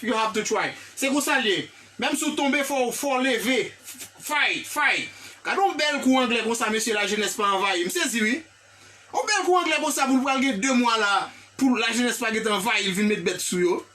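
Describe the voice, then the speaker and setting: An English teacher with a Haitian accent giving a live online lesson, animated and repetitive, often checking in with the class and praising viewers by name. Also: medium pitch, distant mic. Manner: animated, repetitive, checks in with "hein?" and "vous comprenez?".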